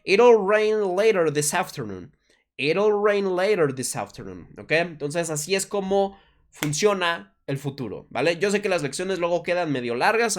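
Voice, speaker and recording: A man teaching an English grammar lesson in Spanish, patiently explaining and often checking in with his students. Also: a little high. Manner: slows down to repeat English example sentences.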